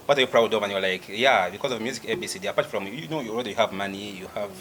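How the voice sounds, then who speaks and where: A man's voice: on the low side, racing. A man with a Ugandan accent hosting a TV interview in a playful, laughing way, mixing in local words. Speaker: TV show host. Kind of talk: casual interview chat. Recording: loud crowd in background. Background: crowd noise.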